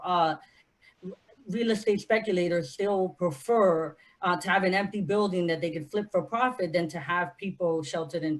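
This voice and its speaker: A woman from Honduras speaking on a panel as an organizer, earnest and impassioned. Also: on the low side. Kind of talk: panel discussion.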